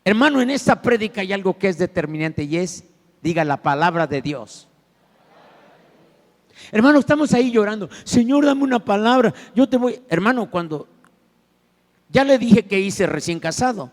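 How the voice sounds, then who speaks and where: A man with a Mexican Spanish accent preaching a sermon as pastor, telling a story dramatically and swinging from loud to hushed. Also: sits high, sing-song, moderate pace, pauses often. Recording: long church hall reverb.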